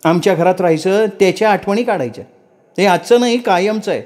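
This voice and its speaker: A man voicing a quick-tempered young mother who talks in a sharp, sarcastic, raised voice. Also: sits high, pitched above the performer's own voice, lightly acted. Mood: resentful.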